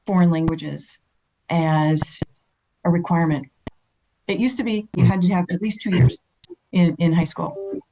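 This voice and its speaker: A woman's voice: on the low side, dark tone, muffled recording. A woman speaking as a podcast guest in casual conversation, earnest, with fillers and restarts.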